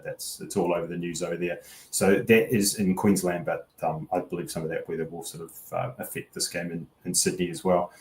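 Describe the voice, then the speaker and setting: A man's voice: low voice, a little mellow, a little hiss or hum. A man giving casual sports analysis as a pundit, in a hesitant, rambling way that circles around each point. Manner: hesitant, rambling, hedging delivery. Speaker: rugby betting pundit. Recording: echoey room.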